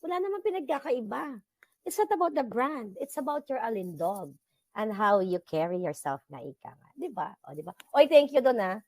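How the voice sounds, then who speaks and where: A woman's voice: a little high, sing-song, normal speed, dry recording. A woman with a Filipino accent hosting a casual live chat with viewers, mixing Tagalog and English and laughing often. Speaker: livestream host.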